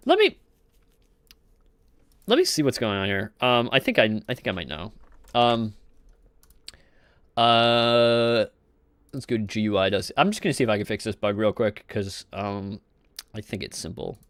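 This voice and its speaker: Casual male game dev streamer, unhurried and rambly, dry close-sounding voice. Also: lowish voice, sing-song, fairly bright tone, smooth, no room sound. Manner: rambling and joking, with chuckles and trailing off; talks to viewers in chat. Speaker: game developer streaming his work. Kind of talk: casual live coding chat.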